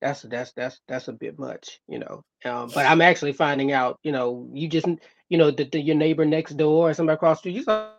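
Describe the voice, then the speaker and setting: A man's voice: a little high, brisk, creaky. A man chatting as a guest, his headset giving a muffled sound like talking inside a fishbowl, often repeating and restarting his words. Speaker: guest on a talk show. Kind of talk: casual chat. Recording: dull, muffled headset line.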